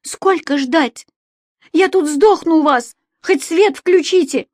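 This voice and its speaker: A woman's voice: very high-pitched, takes it slowly, no echo, clean studio sound, pitched above the performer's own voice. A woman voicing a terrified young schoolgirl, pleading and squealing in an audiobook story. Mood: hysterical.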